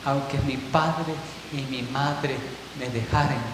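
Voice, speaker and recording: A man preaching a sermon as pastor, telling a story, swinging from hushed passages to loud ones. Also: mid-range voice, steady tone, takes it slowly. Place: church. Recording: echoey church hall with faint hiss.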